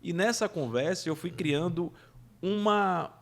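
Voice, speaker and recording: A man as a podcast guest, telling lively anecdotes in casual chat and laughing through the funny parts. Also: sits high, unhurried, creaky. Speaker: podcast guest, event producer.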